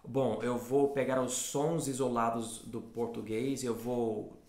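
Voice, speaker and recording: Creaky-voiced man teaching. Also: medium pitch, level tone, darkish tone, reverberant. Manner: explains slowly, repeats words for contrast. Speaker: English teacher and co-host. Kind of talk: casual bilingual lesson chat.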